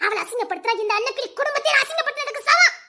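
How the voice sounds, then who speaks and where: A woman acting out a vengeful schemer from a homemade drama, gloating in a very high, bright voice with a Tirunelveli Tamil accent. She keeps repeating her threats. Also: rapid-fire. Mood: scheming. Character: scheming vengeful woman bent on shaming rival.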